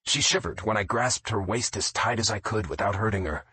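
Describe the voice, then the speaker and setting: A man narrating a romance audiobook in a low, intimate first-person reading. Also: fairly quick, bright, forceful tone, slight background noise.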